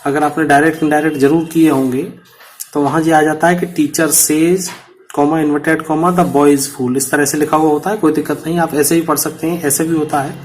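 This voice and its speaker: A man's voice: on the high side, level tone, a little fast, slight background noise. A man teaching a punctuation lesson to students, explaining patiently and repeating each example.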